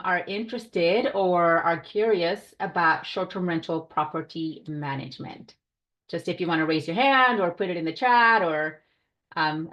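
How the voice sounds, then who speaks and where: A woman from Puerto Rico, a company director, giving an enthusiastic, chatty business presentation on a video call. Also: mid-range voice. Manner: enthusiastic, chatty, warm hospitality tone. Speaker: director of short-term rentals, presenter.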